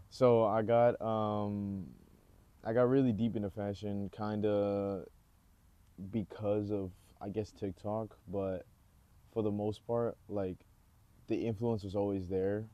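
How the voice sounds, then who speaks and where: A man's voice: fairly low pitch, slow, long pauses, no echo, dull audio. A man, rambling casually outdoors as he introduces himself in a vlog. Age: 20s. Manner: relaxed, rambling, lots of fillers. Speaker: vlogger. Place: outdoors, rain nearby.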